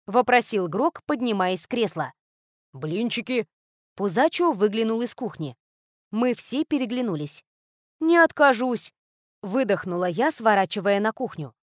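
A woman narrating a story in the first person, in a wry and lively way. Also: mid-range voice, moderate pace, dry recording, studio quality.

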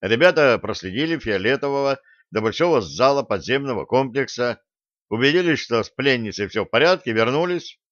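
A man's voice: mid-range voice, animated, a little fast, a bit bright, dry recording, lightly acted. A man voicing a blunt young male crew member who reports with dry, matter-of-fact wit in an audiobook. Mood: wry. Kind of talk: audiobook character voice. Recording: dull lo-fi audio.

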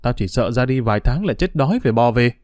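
A man's voice: medium pitch, animated, fast, a little mellow, no echo, lightly acted. A man voicing a stubborn, domineering older mother who scolds her daughter with contempt, in a storybook reading. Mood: scolding.

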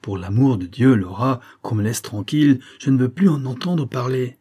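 A man's voice: medium pitch, fairly quick, mellow, voice pushed up, lightly acted. A man voicing a proud, cold young woman in an audiobook, speaking haughtily and impatiently. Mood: scornful.

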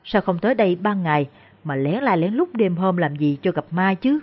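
A shrewd older exorcist master, voiced by a female narrator questions calmly in a voice. He keeps his tone even and probing. The sound is dull and lo-fi. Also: fairly low pitch, normal speed, slightly rough. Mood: shrewd questioning. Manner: probing, feigning innocent questions. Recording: dull lo-fi recording.

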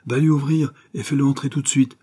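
A man's voice: mid-range voice, fairly even intonation, brisk, mellow, voice pushed up, close to an everyday voice. A man reading an audiobook, voicing a scheming, ruthless adventuress who speaks in a biting, commanding way. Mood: scornful.

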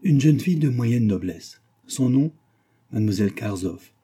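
A man's voice: expressive, moderate pace, warm tone, slight background noise, close to an everyday voice. A man reading aloud, raising his voice to voice a knowing, teasing young woman friend in a storybook novel. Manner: raised pitch for young woman.

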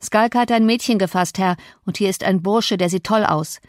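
A woman playing a loud, gruff male servant. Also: medium pitch, normal speed, no room sound, clean studio sound, natural voice. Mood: shouting. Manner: gruff, shouting accusations. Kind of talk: audiobook reading.

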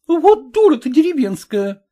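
A woman voicing a sharp, scornful city housemaid who scolds and exclaims. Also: high-pitched, lively intonation, moderate pace, voice pushed up. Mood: scolding.

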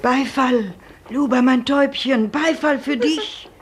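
A man playing a tender young lover who gently soothes a serf actress in a 1950s radio play. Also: very high-pitched, measured pace, a little hiss or hum. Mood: soothing.

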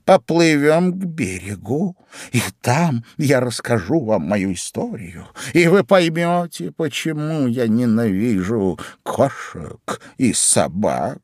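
A man voicing a small, touchy mouse in a storybook reading, with a squeaky, piercing voice and trembling outbursts. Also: animated, unhurried, few pauses, fairly bright tone, dry recording, clean studio sound, heavily acted. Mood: shaky. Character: small shrill touchy mouse, easily offended.

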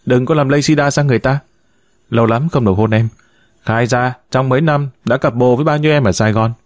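A man voicing a feisty, sharp-tongued woman near thirty who bickers and teases, in a read-aloud story. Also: medium pitch, dry recording, studio quality, lightly acted. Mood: teasing. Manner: brash, quick to bicker and tease.

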